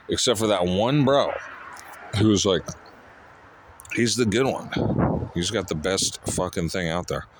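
A man with a very low, deep voice rambles through a frustrated, profanity-laced rant in a casual monologue. His talk wanders from complaint to complaint, and a faint hiss of background noise sits under it.

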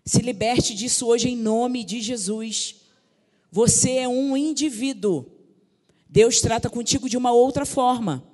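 A woman's voice: a little high, unhurried, darkish tone. A woman pastor preaching a sermon, fervent, calling out to the congregation. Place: large church sanctuary. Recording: reverberant church hall.

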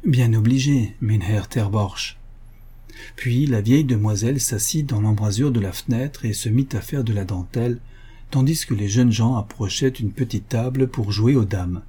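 A man narrating a classic short story aloud in a measured, expressive way. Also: mid-range voice, husky.

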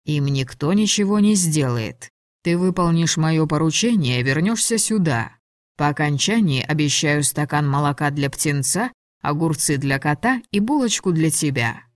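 A woman voicing a calm, soothing male servant in an audiobook, coaxing and gentle. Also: sits low, normal speed, no echo, clean studio sound. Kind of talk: audiobook dialogue reading.

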